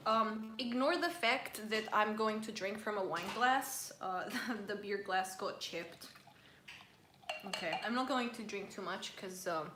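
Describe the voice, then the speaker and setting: A woman chats casually with viewers in a live stream, reading out their comments as she eats. Her voice sits at a middle pitch. The room around her is echoey, with a faint hum in the background. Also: unhurried. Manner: chatty, reads viewer comments aloud. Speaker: vlogger hosting a live stream. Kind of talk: casual live-stream chat while eating.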